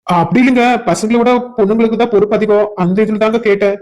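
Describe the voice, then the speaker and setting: A man with a south Tamil accent voices a cartoon drama in a joking, flustered way. He speaks at a brisk pace. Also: sits high, darkish tone. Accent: south Tamil Nadu dialect. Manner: joking and flustered, laughs between lines. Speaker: voice actor for a cartoon series.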